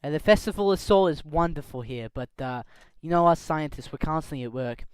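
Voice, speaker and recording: A man's voice: fairly high pitch, animated, a little fast, clean tone, no room sound. A man running a tabletop role-playing game over a voice call, wry and exasperated, swearing casually. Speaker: game master. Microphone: headset or desk mic on a voice call.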